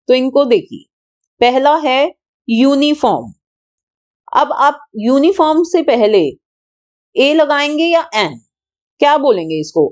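Patient woman teaching children grammar slowly. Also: high-pitched. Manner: patient, repeats and stresses sounds, asks questions then answers them.

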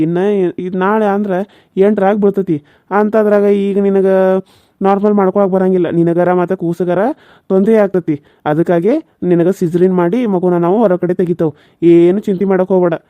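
A man voicing a calm, businesslike village doctor who reassures matter-of-factly, with a North Karnataka Kannada accent. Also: high voice, no echo, phone-quality sound, natural voice. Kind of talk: cartoon voice acting.

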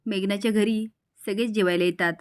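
A woman reading a story recap of a television serial, voicing every part herself in a steady storytelling way. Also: mid-range voice, a little fast, clean tone. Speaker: narrator.

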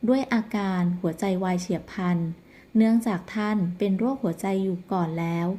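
A woman recounting a soap opera episode in a steady storyteller's voice. Her tone is mellow and warm, at an ordinary middle pitch, well suited to long recaps. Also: fairly quick. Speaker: narrator. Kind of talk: drama plot recap narration.

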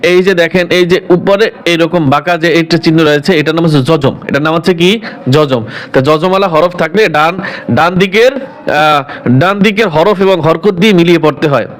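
A man teaching Quran reading, spelling out letters and vowel marks, then slowly drawing out each whole word. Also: a little high. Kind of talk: spelling-out recitation lesson.

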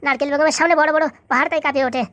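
A woman acting in a comic sketch, fast, loud and dramatic. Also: sits high, fairly even intonation. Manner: rapid, shouting, dramatic. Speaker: comedy sketch performer.

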